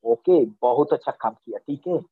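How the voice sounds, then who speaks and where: A man's voice: medium pitch, moderate pace, slightly rough. A man leading a company meeting online, giving a motivational pep talk in an earnest, reassuring way and often checking that listeners agree. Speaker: company leader addressing members. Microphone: video call. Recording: tinny, phone-like video-call audio.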